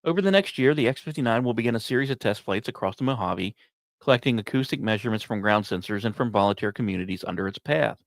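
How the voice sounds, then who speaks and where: A podcast host with a lowish, gravelly voice reads scripted space and science narration, animated and dramatic, breaking his storytelling phrases with short pauses and occasional asides. The recording is dry.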